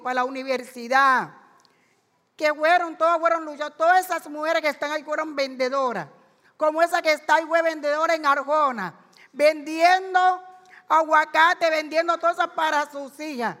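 An older woman from Palenque in Colombia with a Caribbean coast accent, telling stories of her life as a street vendor with lively energy. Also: high voice, moderate pace. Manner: energetic, animated storyteller. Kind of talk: lively storytelling interview. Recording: long echoing reverb.

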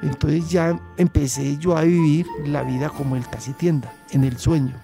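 A Colombian man telling his own story in a halting way, often restarting his sentences and acting out what people said. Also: on the high side, steady tone, vocal fry, over music. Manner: halting, with restarts and acted quotes. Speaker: interviewee. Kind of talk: personal storytelling.

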